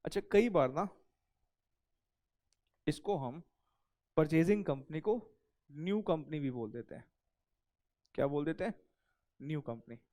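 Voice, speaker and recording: Guy teaching accounting, high voice, asks stuff then answers it himself, dictates notes real slow. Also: expressive, warm tone. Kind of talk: recorded classroom lecture.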